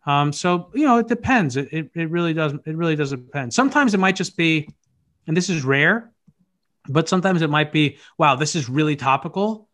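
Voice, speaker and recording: A man's voice: fairly high pitch, expressive, a little fast, fairly bright tone. A man in a casual interview on a video call, talking his answers through thoughtfully with frequent restarts. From United States. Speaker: podcast host appearing as guest.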